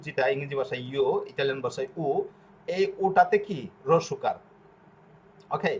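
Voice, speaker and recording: A man's voice: fairly high pitch, lo-fi sound. A man teaching pronunciation step by step, patiently repeating syllables and asking checking questions. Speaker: language teacher.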